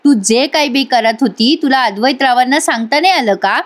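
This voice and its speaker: A gentle, worried mother, as a woman puts her on, fussing and asking one anxious question after another. The voice sits fairly high. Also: a little fast.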